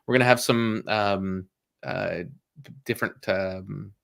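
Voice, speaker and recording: A man's voice: lowish voice, steady tone, unhurried, creaky, a bit bright. A man hosting a casual livestream chat, rambling with many fillers and apologies, and laughing often. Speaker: livestream host.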